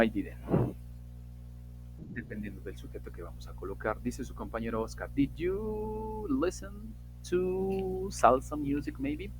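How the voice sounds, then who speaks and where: A man's voice: lowish voice, slight background noise, low-quality recording. Man teaching an online English class. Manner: slow, emphatic modeling of English example sentences.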